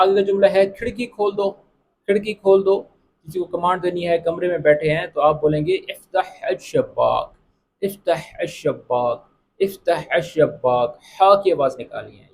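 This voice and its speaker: A man teaching a language lesson, repeating each phrase slowly before explaining it. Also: on the high side, darkish tone, breathy edge. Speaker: Arabic teacher.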